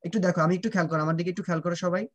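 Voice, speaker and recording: A man's voice: sits high, steady tone, racing, lo-fi sound. A man teaching children pronunciation in an online class. He drills sounds and keeps asking whether the students understand, switching between Bengali and English.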